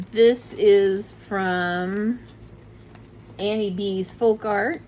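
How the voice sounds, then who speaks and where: Slow, chatty woman vlogger. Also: medium pitch, slight background noise, rough recording. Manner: chatty, rambling, self-correcting. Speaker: cross-stitch vlogger. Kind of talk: casual show-and-tell chat.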